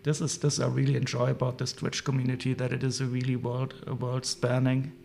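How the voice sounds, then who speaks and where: A man's voice: medium pitch, completely flat delivery, fairly quick, vocal fry, darkish tone, slight background noise. A man with a German accent, chatting casually with viewers as a livestream host while sorting toy parts. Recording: faint music behind.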